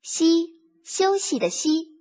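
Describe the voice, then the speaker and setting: A woman's voice: extremely high pitch, big pitch swings, slow. A woman narrating a scripted lesson for small children, simply and in a singsong way as if reading to a toddler, repeating words for listeners to follow. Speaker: children's literacy teacher and narrator.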